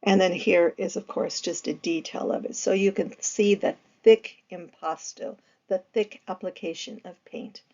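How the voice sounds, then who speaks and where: Gravelly-voiced woman giving a lecture. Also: medium pitch, fairly even intonation, a little slow, a little mellow, highs cut off. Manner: conversational, with frequent ums and uhs and restarts. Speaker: art teacher.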